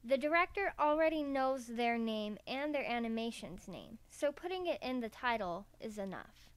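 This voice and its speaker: A woman's voice: a little high, animated, moderate pace, smooth, no echo. A woman narrating a scripted how-to tutorial in a careful, step-by-step way. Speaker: voice acting tutorial presenter. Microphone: USB karaoke microphone.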